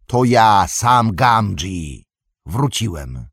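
A man voicing a loyal, eager young male hobbit servant who calls out loudly and urgently. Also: medium pitch, expressive, measured pace, breathy edge, no echo, studio quality, voice pushed up.

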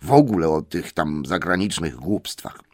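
A man voicing a flustered, fussy middle-aged male hobbit in an audiobook, with fretful high-pitched exclamations. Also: lively intonation, normal speed, no room sound, studio quality. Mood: self-scolding. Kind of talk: audiobook character voice.

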